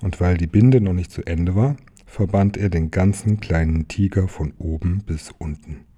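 A man calmly reading a children's book aloud, chapter by chapter. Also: deep voice, moderate pace, slightly rough. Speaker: storyteller.

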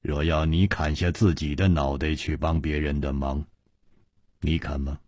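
A man voicing a calm, wry wandering hero who speaks unhurried and composed. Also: mid-range voice, slightly rough, no echo, studio quality, exaggerated voice.

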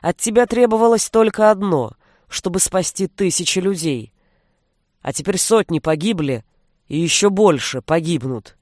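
A woman's voice: on the low side, animated, moderate pace, a little mellow, no room sound. A woman doing a stern old grandfather sorcerer. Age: older. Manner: dry, commanding.

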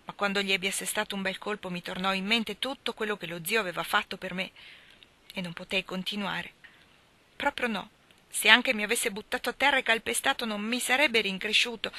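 A woman's voice: medium pitch, fairly quick, bright, forceful tone. Emil, a woman reading an earnest remorseful boy. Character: boy who once struck his uncle, remorseful. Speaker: reader voicing a character. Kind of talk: audiobook dialogue.

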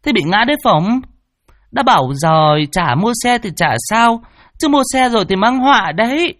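Dude doing a nagging mom voice, high and shrill, drawn out. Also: male voice, expressive, moderate pace, fairly bright tone, no room sound, studio quality. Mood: scolding. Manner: scolding, nagging. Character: nagging middle-aged village mother.

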